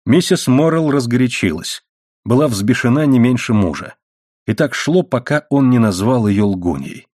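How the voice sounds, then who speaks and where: A man narrating a novel as an audiobook, reading in a measured, steady way. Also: mid-range voice, no echo, studio quality. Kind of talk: scripted narration.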